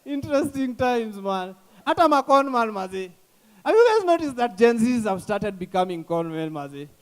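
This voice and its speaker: A man's voice: sits high, big pitch swings, normal speed, a little mellow, clear, resonant tone. A young man with a Kenyan accent doing a stand-up comedy set, mixing English and Swahili slang and acting out the people in his stories. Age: young adult. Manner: switches between English and Swahili slang, acts out quoted callers. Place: comedy stage before a live audience.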